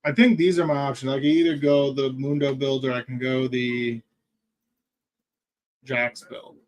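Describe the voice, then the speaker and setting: A man's voice: medium pitch, fairly even intonation, unhurried. A young man streaming a game, chatting casually and thinking aloud as he plays. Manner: rambling, thinks aloud while playing. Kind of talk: casual gaming stream chat.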